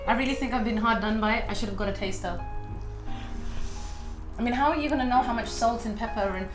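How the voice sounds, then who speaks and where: A woman in her thirties co-presenting a cooking show, chatting and teasing in a quick, lively way. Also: a little high. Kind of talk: casual chat. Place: TV studio kitchen set. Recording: roomy studio sound with music.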